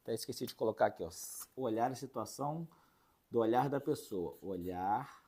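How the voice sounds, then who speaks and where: A man leads an online leadership lesson at a middling pitch. His voice is mellow and a little husky. He breaks the ideas into short steps, checks in with the listener and acts out sample conversations. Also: animated, fairly quick. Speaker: leadership course instructor.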